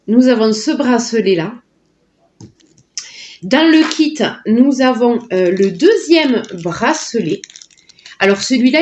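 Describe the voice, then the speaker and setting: A woman's voice: a little high, a little mellow, dull audio. A woman chatting casually and delightedly through a sponsored unboxing, full of little filler words. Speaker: vlogger unboxing a product.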